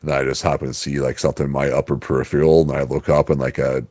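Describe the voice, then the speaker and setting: A man co-hosting a podcast in a casual, rambling way, piling up fillers and false starts. His voice sits very deep and low. The recording is close and dry. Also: level tone, fast talker, a little mellow, dry recording. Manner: rambling storyteller, many fillers and restarts, laughs easily. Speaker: podcast co-host. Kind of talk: casual chat.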